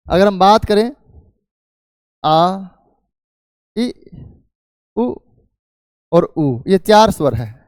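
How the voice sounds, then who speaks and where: A man's voice: high-pitched, darkish tone, smooth, no room sound, studio quality. A middle-aged man teaching grammar in a patient lecture, asking questions and answering them himself. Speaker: Hindi teacher. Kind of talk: explanatory lecture.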